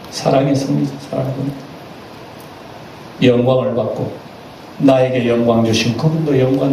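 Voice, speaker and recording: A male pastor preaching a sermon, animated and acting out voices as he goes. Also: mid-range voice. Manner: animated, acts out quoted voices. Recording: echoey church hall, distant mic, faint noise.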